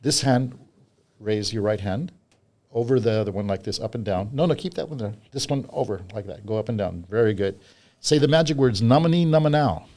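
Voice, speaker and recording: A man's voice: on the low side, brisk, darkish tone. A man talking like a kids party magician, giving step-by-step hands-on instructions as he demonstrates a trick. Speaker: children's magician and magic teacher, interview guest.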